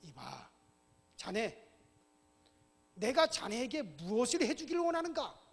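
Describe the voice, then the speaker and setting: A man voicing a calm, authoritative male teacher who speaks slowly and quietly, with long hall reverb. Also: breathy edge, full character voice. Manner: slow, low and calm.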